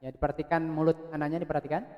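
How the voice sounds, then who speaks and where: A man teaching Quran recitation, drilling throat sounds and joking with imagined students while clearing his throat. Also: a little high, little pitch movement, very fast, in a large hall, dull audio. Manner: drills throat sounds, loud when demonstrating. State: thirsty, clears throat often. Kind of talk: pronunciation lesson with demonstrations.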